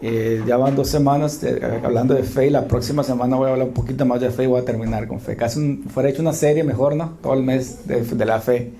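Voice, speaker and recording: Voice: medium pitch, steady tone, warm tone. A pastor preaching a conversational sermon in a church sanctuary, often checking in with the congregation and restarting phrases. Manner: informal, checks in with the congregation with quick questions; restarts and corrects phrases while talking.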